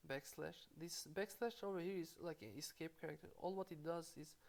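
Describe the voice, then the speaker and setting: Speaking at a normal pace with a lowish, darkish voice and vocal fry, a woman from Albania explains programming in a screen-recorded tutorial. Her Albanian accent comes through as she spells the code aloud step by step, making small self-corrections.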